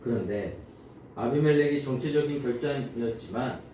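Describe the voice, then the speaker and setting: Male pastor, storytelling sermon, mellow tone, distant mic in a roomy church. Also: mid-range voice, normal speed, a little hiss or hum. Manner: animated storytelling, acting out villagers' voices. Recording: echoey church hall from far off.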